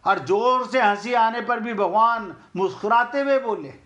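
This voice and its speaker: A middle-aged man teaching scripture in an earnest, direct way, speaking to his listeners and sometimes chanting verses slowly. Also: high voice, a bit bright. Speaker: spiritual teacher. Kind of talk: explaining scripture.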